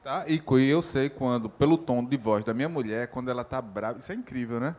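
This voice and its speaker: Brief: Brazilian man, relaxed panel moderator, mid-pitched everyday voice. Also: fairly quick. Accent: Brazilian Portuguese. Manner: casual, asks questions, jokes about his wife. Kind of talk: conference panel conversation. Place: hotel conference stage.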